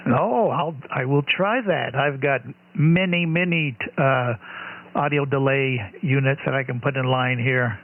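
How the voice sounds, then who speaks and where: A man's voice: medium pitch, measured pace, slight background noise. A man chatting casually and technically as an amateur radio operator, heard through a ham radio transmission. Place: received over amateur radio. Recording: narrow, thin radio link.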